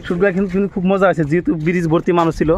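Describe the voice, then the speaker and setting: Fast-talking young man vlogging outdoors. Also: sits high, fairly even intonation, a little mellow. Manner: rambling and chatty, signs off to viewers. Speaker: vlogger, channel owner. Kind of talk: casual vlog chat. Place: outdoors by a busy road. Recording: noisy outdoor street.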